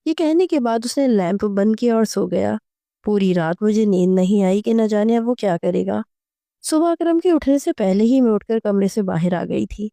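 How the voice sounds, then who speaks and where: A woman narrating a romantic audio novel in the first person, in a steady, even storytelling manner. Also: medium pitch, dry recording.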